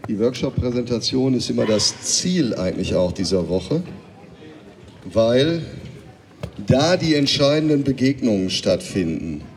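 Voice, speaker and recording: A man giving a formal speech in a sports hall, measured and deliberate. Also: mid-range voice, big pitch swings, a little mellow. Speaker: event speaker. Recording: reverberant hall from a distance.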